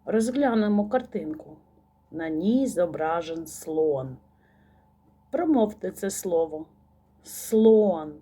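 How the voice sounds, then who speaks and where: A woman teaches a recorded lesson for small children in a slow, patient way. Her voice is husky and mellow. She asks questions, then waits and praises the answers. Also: lowish voice, expressive.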